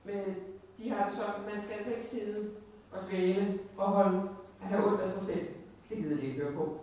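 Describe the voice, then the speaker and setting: Middle-aged speaker, halting testimony in an echoey church. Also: medium pitch, fairly even intonation, darkish tone. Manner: halting, with frequent pauses and fillers. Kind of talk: personal faith testimony to a congregation. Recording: very echoey room, voice far from the mic, faint background hiss.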